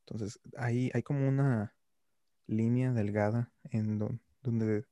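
A young man on a podcast, calmly explaining his views in casual conversation. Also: medium pitch, slow pace, no room sound. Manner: calm, reflective explaining. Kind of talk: casual chat.

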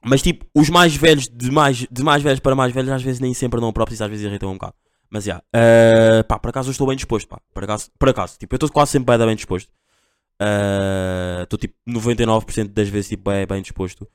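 A man's voice: mid-range voice, fairly even intonation, fast talker, clean tone, no echo, studio quality. A young man with a Portugal accent hosting a casual solo podcast, rambling in slang with constant fillers. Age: young adult. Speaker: podcast host.

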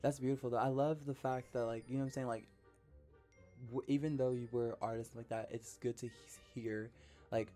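A mid-pitched man chats loosely on a podcast, filling his lines with "like" and "you know". Faint music sits underneath. He sounds easygoing in a casual co-host chat. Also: fairly even intonation, brisk, mellow. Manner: chatty, lots of likes and affirmations.

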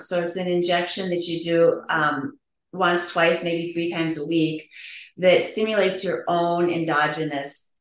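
A woman's voice: low-pitched, a bit bright. A woman clinician explaining testosterone treatment options plainly in a podcast interview, with a practical manner. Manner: explanatory, practical, quick to laugh. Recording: roomy echo.

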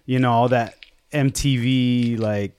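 A man's voice: mid-range voice, fairly even intonation, measured pace, a little mellow, slight background noise. A man in his forties, a guest musician, chatting casually and rambling with lots of "like" and "you know". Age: 40s. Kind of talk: casual interview chat.

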